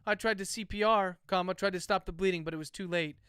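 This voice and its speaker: A man reading the lines of a shaken, grieving middle-aged father in his own voice, in a flat dictation style. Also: sits high, fast, clean tone, no room sound, studio quality. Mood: strained.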